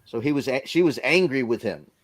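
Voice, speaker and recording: A man's voice: mid-range voice, fairly quick. A man casually telling a personal story on a live stream, in plain informal speech. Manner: lively storyteller who acts out others' lines.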